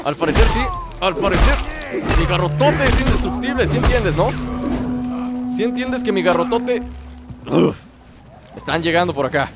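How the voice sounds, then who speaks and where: An excitable young man with a Mexican accent narrates his gameplay in a high, lively voice that jumps up and down. He chatters to his companion as he plays. Game music runs steadily behind him. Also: moderate pace, long pauses. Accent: Mexican Spanish. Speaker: gameplay channel host. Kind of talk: let's play commentary.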